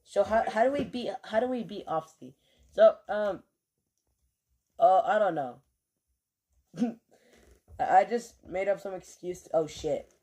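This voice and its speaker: A game streamer chats casually with his audience while playing, rambling with lots of fillers and offhand swearing as keyboard clicks sound behind him. His high, mellow voice is unhurried and full of frequent pauses.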